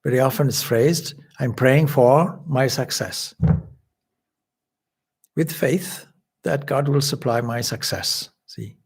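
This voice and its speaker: A man from Zimbabwe delivers a spiritual lecture as a swami, explaining points in a measured way. His voice is gravelly with a husky edge. He sits at a middle pitch. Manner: measured, explanatory, with occasional restarts. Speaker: swami giving a spiritual talk.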